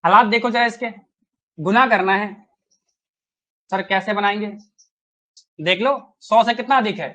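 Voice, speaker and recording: A man's voice: high voice, measured pace, pauses often, fairly bright tone. A man teaching a live online maths class, chatty and coaxing, who keeps quizzing his students with rhetorical questions.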